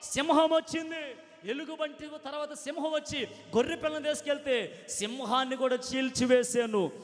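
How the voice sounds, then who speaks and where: A male preacher giving an animated sermon, urging the congregation to call answers back loudly. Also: very high voice, moderate pace. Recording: long hall reverb.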